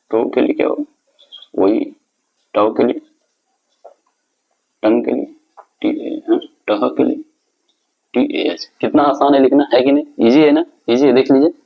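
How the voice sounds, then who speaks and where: A man's voice: medium pitch, steady tone, unhurried, gravelly, long pauses, breathy edge. A male teacher explaining a lesson step by step, asking the class questions and answering them himself. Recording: slightly dull lo-fi recording.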